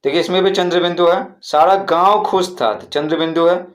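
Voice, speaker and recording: A man's voice: high-pitched, steady tone, brisk. A man, teaching a primary school textbook lesson and often repeating words with frequent check-ins.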